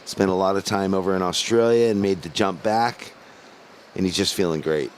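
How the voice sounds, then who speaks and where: A man's voice: sits low, normal speed, slight background noise. A man giving live surf contest commentary in a laid-back, casual surfer manner.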